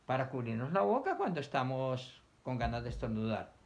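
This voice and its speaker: A man's voice: mid-range voice, big pitch swings, a little fast. A man teaching young children, reading a picture book aloud, asking them questions and acting out sneezes and coughs.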